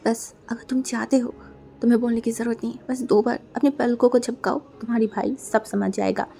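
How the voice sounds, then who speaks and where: A woman voicing a gentle older brother who speaks quietly and tenderly. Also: a little high, steady tone, fairly quick, vocal fry, slight background noise.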